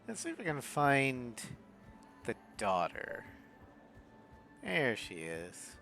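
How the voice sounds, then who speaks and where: A man's voice: medium pitch, huge pitch swings, slow, vocal fry, sharp tone, soft background music. A man giving casual gameplay commentary as a streamer, wry, joking and slangy. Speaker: game streamer.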